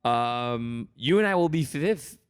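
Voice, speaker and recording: A man's voice: medium pitch, lively intonation, unhurried, clear, resonant tone, no room sound, studio quality. A man in his early thirties co-hosting a comedy podcast in casual, joking chat. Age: 30s. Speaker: podcast co-host.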